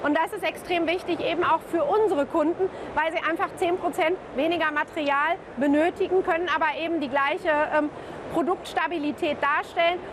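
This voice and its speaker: A woman's voice: extremely high pitch, steady tone, a little fast. A woman speaking as a company representative in an interview statement, fluent but with frequent fillers. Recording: noisy outdoor recording.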